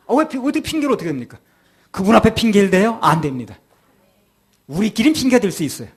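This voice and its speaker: A man's voice: sits high, very animated, fast, breathy edge. A male pastor giving a sermon, acting out people's excuses in quoted voices.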